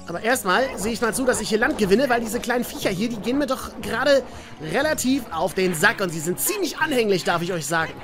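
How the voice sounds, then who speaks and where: Lively chatty woman gaming. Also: fairly high pitch, fast, music in the background. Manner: chatty, addresses viewers as "ihr Lieben", mild swearing at enemies. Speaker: let's player. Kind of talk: video game commentary.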